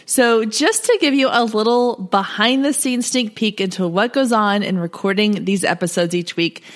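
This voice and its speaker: A woman talks casually as a solo podcast host. Her voice sits at a middle pitch and is scratchy and prone to cracking from a sore throat. She is chatty, upbeat and informal, speaking straight to her listeners. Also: normal speed. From Texas, US South.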